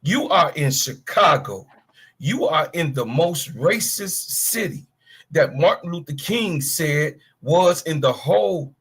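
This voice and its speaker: Slightly rough and pitched on the high side, this man's fairly bright voice belongs to a sports podcast co-host in his fifties. He rants hotly and emphatically, swearing as he singles out players by name.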